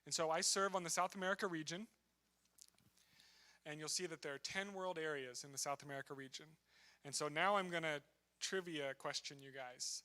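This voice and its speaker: A man's voice: on the high side, brisk, bright, forceful tone. A man speaking as a missionary at a church, telling his story in a conversational, self-deprecating way. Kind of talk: church talk with testimony. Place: church sanctuary.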